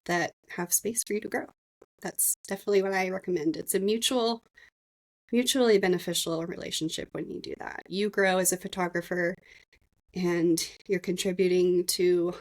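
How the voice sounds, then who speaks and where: A woman in her thirties hosting a podcast, telling her own story in a casual, earnest and emotional way, speaking straight to her listeners. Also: fairly low pitch. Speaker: podcast host.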